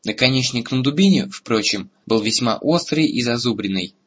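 A man narrating a fantasy audiobook in a steady storytelling manner, in a lo-fi recording. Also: medium pitch, normal speed, slightly rough. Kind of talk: scripted narration.

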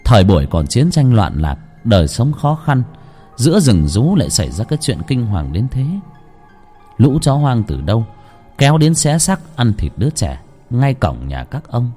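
A man narrating a ghost story in a dramatic, lively storytelling manner. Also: mid-range voice, normal speed, breathy edge, soft background music.

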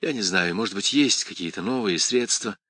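A man as a quiet, weary priest. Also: on the low side, animated, normal speed, husky, no echo, exaggerated voice. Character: exhausted worried priest and doctor, male.

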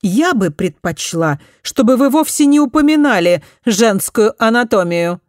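A woman reading an audiobook, voicing a stern, prim aristocratic mother who speaks slowly and disapprovingly. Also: a little high, lively intonation, a little mellow, dry recording, clean studio sound, voice pushed up.

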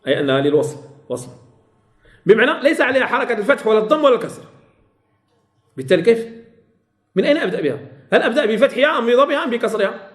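Male teacher, high animated voice, quizzes his class and repeats points, echoey classroom sound. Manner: asks students questions and repeats key phrases. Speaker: Quran recitation teacher. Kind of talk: classroom lesson.

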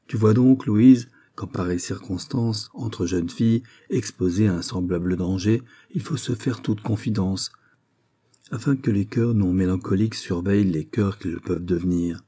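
A sly, teasing young court lady from a storybook reading, voiced by a man who lifts his pitch for her. The voice underneath stays dark and husky, and the irony keeps coming through. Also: moderate pace. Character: mocking young lady-in-waiting, teasing and ironic.

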